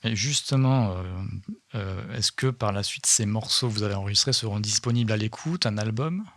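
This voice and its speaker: A man hosting a casual radio talk show in a small studio, speaking with hesitant fillers and slowing down when reading lyrics aloud. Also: lowish voice, a bit bright. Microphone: studio microphone.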